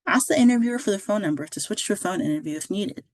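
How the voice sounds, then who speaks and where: A woman presents scripted instructional narration for career services, speaking in a clear, measured, instructive manner. Her mid-range voice is expressive.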